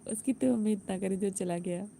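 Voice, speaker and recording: A chatty woman hosts a casual live stream from a phone, greeting viewers by name and laughing often. Her voice is dark and gravelly, with a faint hiss of noise behind it. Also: mid-range voice, normal speed.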